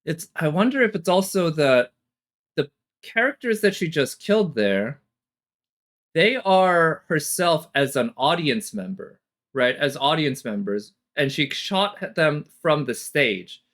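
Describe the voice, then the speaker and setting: Game trailer music plays beneath a woman streamer's relaxed commentary as she reacts, speculates and thinks aloud on the fly. Her voice is deep and expressive, and she keeps a measured pace.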